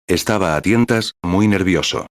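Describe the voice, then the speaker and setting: Man with a really deep voice reading a sermon story out loud, says the paragraph numbers, dry close sound. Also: normal speed, no room sound. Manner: reads paragraph numbers aloud between passages. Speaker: sermon reader.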